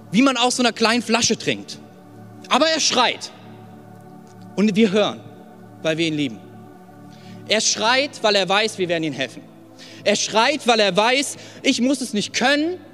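A young man preaching a sermon in a personal, emphatic way, dropping to soft lines and rising to loud ones. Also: high-pitched. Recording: long hall reverb with faint music.

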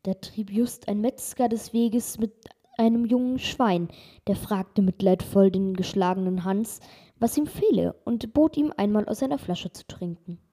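A woman reading a fairy tale aloud, expressive and lively in her storytelling. Her voice is husky and warm-toned, dark rather than bright. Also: mid-range voice, measured pace.

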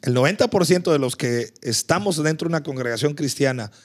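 A man's voice: a little high, brisk. A man, a pastor, talking in a casual faith conversation, telling his story with earnest feeling and stumbling over repeated words.

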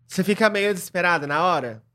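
A man's voice: high voice, lively intonation, fast, sharp tone. A man guesting on a podcast in casual chat, telling self-mocking stories with animation.

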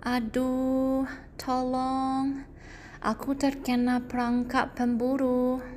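A woman voicing a hungry, boastful big male lion in a storybook, speaking loudly and bossily. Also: mid-range voice, slow pace, a little hiss or hum, lightly acted. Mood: pained. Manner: loud, gloating, bossy.

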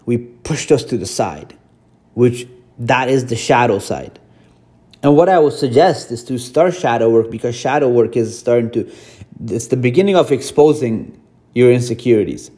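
A man from Afghanistan hosting a podcast, speaking to his listeners in a mellow, warm voice. He talks earnestly and repeats his points. His delivery is reflective and direct, like a self-help monologue. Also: mid-range voice. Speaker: podcast host.

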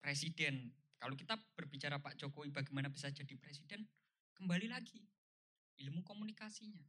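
Forceful man giving a seminar talk. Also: on the high side, a little fast. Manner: emphatic, repeats points, asks the audience rhetorical questions. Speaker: seminar speaker. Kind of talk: motivational seminar talk to a live audience.

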